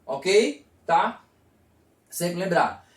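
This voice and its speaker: A man teaching a video lesson, with a lively voice that rises and falls as he walks through each step. He often asks a question and then answers it himself. The sound is roomy and echoey, caught from some distance away. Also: high voice, extremely slow. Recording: echoey room, voice from far off.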